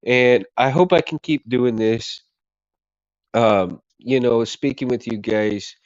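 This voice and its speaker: A livestream host with a mid-range voice speaks slowly, hoarse and coughing as his voice gives out, rambling and repeating his thanks to viewers in a casual way. The audio is dry, with the highs cut off.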